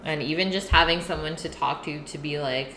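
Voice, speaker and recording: This livestream host has a deep, bright voice and a forceful tone, speaking fairly quickly as she cooks in her home kitchen. She casually chats with viewers and replies to their messages, with echo and background noise around her.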